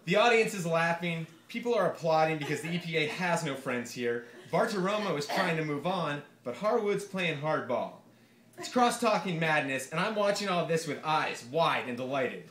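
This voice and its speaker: The reader's voice is on the high side, animated and a bit bright, moving at a moderate pace as he performs his comic essay at a live bar event. His delivery is profane and theatrical, with impressions of quoted speakers, and the echoey room carries audience laughter and general noise.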